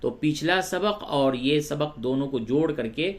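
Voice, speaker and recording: A man teaching a beginner Urdu lesson, slowly drilling syllables with patient, repetitive explanations. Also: fairly high pitch, expressive. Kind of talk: beginner language lesson, spelling out letters.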